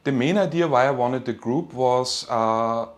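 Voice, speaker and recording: A man with a medium-pitched voice, speaking a little slowly, leads an informal live online finance lecture at a university. His native language is German, and he addresses his audience informally in a warm, encouraging way.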